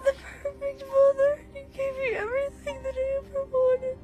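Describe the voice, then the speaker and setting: Tearful teenage girl, very high, distant, soft music behind. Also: completely flat delivery, moderate pace. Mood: tearful farewell. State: crying. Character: terrified teenage girl leaving a farewell. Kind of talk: film clip.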